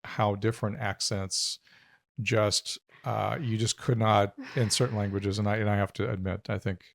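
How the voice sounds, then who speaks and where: A man co-hosting a podcast, chatting casually in a measured way and often repeating and restarting his phrases. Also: fairly low pitch, flat delivery, creaky. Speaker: podcast co-host. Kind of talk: casual chat.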